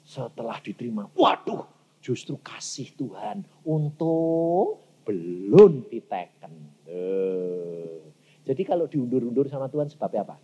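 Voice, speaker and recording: A man preaching a sermon as pastor, swinging between loud exclamations and quiet asides. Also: medium pitch, sing-song, moderate pace, breathy edge, highs cut off.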